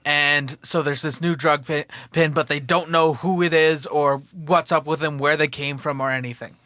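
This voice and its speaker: Male podcast co-host with a high, bright, dry voice; rambling comic pitch full of laughs and restarts. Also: fairly even intonation, normal speed, dry recording. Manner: rambling, laughs often, self-correcting. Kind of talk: casual comedic movie pitch.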